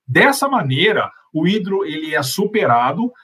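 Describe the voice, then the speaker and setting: A man's voice: on the high side, sing-song, moderate pace, sharp tone, husky. A man with a Brazilian accent explaining matters of faith as a panelist, in a conversational teaching style with everyday examples. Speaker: panelist answering questions on faith.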